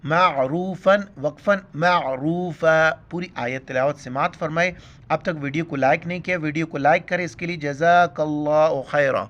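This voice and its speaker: A man teaching Quran recitation, explaining letters quickly in Urdu with a Pakistani accent, then chanting verses slowly and loudly. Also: on the high side, fairly even intonation. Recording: dull lo-fi sound.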